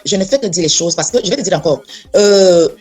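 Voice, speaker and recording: A woman's voice: on the low side, expressive, a little fast, a little mellow, breathy edge. A woman in a casual chat, blunt and insistent, often repeating herself. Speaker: co-host.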